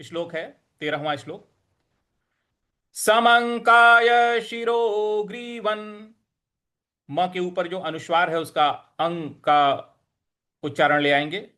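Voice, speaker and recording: A man teaching scripture recitation, chanting verses slowly and explaining pronunciation between them. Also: on the high side, flat delivery, fairly bright tone. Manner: slow measured chanting of verses, then quick plain explanations; devotional greetings. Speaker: Gita teacher.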